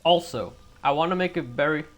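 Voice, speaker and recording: A man's voice: on the high side, fairly quick. A man streaming a video game, talking casually and rambling with frequent stutters while feeling a little sick. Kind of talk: casual gameplay commentary.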